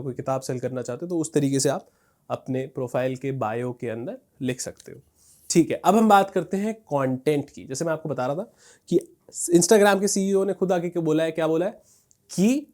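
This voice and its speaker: A man's voice: a little high, darkish tone. A man teaching a casual screen-share tutorial, talking conversationally with frequent fillers and check-ins. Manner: conversational, repeats "thik hai" and "dekhiye", frequent fillers. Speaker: instructor teaching Instagram growth.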